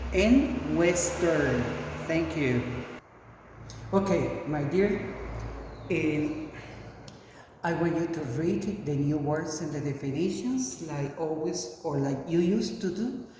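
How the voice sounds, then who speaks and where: Man slowly drilling vocabulary in an echoey room. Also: on the high side, recorded from a distance, background noise. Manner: reads word lists slowly, one word at a time. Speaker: English teacher.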